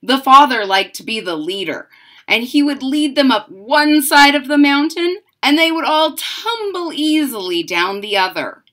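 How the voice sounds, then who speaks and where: In a small room at home, an animated middle-aged woman with a voice that sits high reads a picture book aloud to children. She's dramatic and deliberate, breaking off now and then to explain things simply for her young listeners.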